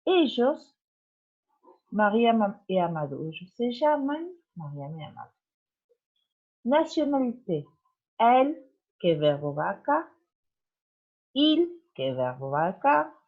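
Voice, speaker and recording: Slow, husky woman teaching French. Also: medium pitch, big pitch swings. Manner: patient, explaining step by step. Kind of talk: recorded online lesson. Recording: tinny phone-like audio.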